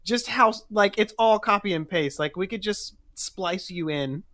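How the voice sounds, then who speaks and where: A man's voice: high voice, animated, unhurried, fairly bright tone. A young man co-hosting a casual chat, laughing a lot and rambling with lots of filler words. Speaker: co-host.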